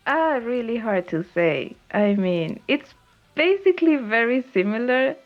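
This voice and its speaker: A woman's voice: on the high side, animated, measured pace. A woman from Venezuela, a guest on a casual podcast, speaking cheerfully and easily with laughs between sentences. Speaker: podcast guest, video editor. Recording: muffled lo-fi mic with faint music.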